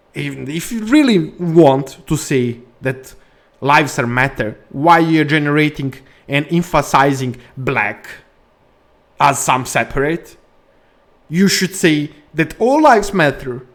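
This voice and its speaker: Passionate man ranting, slightly high voice. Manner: passionate, preachy, repeats points for emphasis; non-native English grammar. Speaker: crypto channel host. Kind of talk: opinionated vlog rant.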